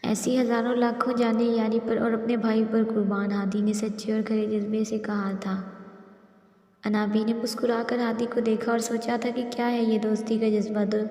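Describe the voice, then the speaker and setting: Woman reading a story aloud, slightly high voice, monotone, mellow, roomy echo. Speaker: narrator. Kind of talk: storybook narration. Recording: echoey room with long reverb.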